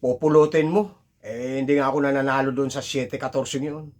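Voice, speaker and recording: A man's voice: mid-range voice, fairly even intonation, normal speed, darkish tone, natural voice. A man voicing a grumpy male kapre, a tree-dwelling giant who curses and scolds, in a spoken folk tale. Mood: annoyed. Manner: scolding, cursing.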